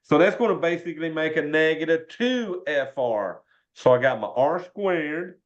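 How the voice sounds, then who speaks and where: Folksy Southern teacher, higher-pitched man. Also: animated, normal speed. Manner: folksy, says y'all often. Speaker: college algebra teacher. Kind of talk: informal worked-example math lesson. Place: indoors, online video class. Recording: dull lo-fi online class audio.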